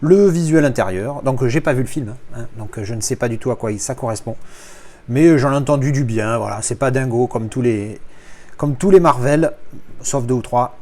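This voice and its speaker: A man talks casually as he unboxes films. His voice sits at an average pitch, and he rambles along with frequent fillers and restarts. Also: fairly quick, mellow.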